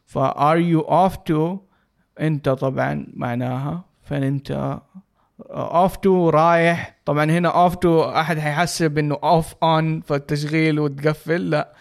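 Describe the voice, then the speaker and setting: A man walks listeners through English phrases in a casual podcast lesson. His voice sits a little high, and he reads each English line slowly before breaking it down word by word. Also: fairly even intonation, creaky. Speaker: podcast co-host teaching English. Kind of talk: casual explanatory lesson chat.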